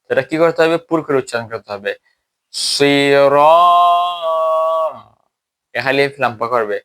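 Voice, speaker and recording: A man gives a classroom lesson on recitation rules while standing at a whiteboard. He keeps asking his students questions and then answering them himself. When he demonstrates, he draws the Arabic words out slowly. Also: medium pitch, expressive, fairly bright tone. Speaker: Quran recitation teacher. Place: teaching at a whiteboard.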